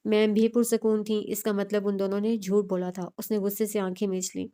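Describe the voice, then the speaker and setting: A woman narrating a novel with steady, expressive storytelling. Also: mid-range voice, brisk, smooth. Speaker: audiobook narrator. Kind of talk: novel reading.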